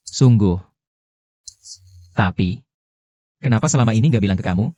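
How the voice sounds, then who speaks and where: An actor dubbing an earnest young man who speaks calmly and sincerely. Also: on the low side, normal speed, no room sound, close to an everyday voice. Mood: apologetic. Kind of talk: dubbed drama dialogue.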